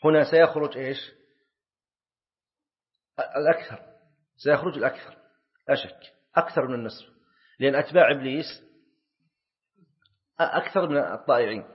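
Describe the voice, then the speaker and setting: A man's voice: mid-range voice, brisk, pauses often. A sheikh teaching a class, who often puts questions to his students, answers them himself and repeats key phrases. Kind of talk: classroom lecture. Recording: dull lo-fi recording.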